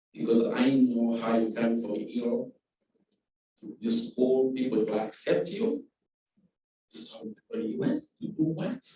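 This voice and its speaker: A man's voice: mid-range voice, mellow. Man, panel story, lots of uh's, faint hiss, roomy. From Democratic Republic of the Congo. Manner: halting, many uh fillers, broken grammar. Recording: echoey room from far off, faint noise.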